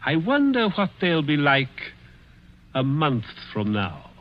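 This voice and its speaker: A man's voice: a little high, wildly swooping pitch, takes it slowly, background noise, full character voice. An actor playing a cruel, dying rich man who taunts with sly chuckles in a 1940s radio drama. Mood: menacing. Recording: dull old radio broadcast.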